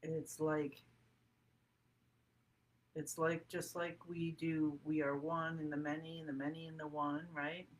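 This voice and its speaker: A woman leading a guided qigong meditation in a soothing, gently encouraging and informal, conversational way. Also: sits low, flat delivery, unhurried, pauses often, slight background noise, low-quality recording. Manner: informal, self-correcting. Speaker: qigong group meditation leader.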